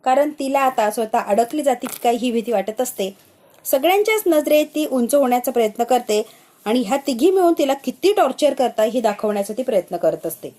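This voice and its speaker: A woman narrating a television serial episode recap in a rapid, dramatic retelling. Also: fairly high pitch, lively intonation, warm tone.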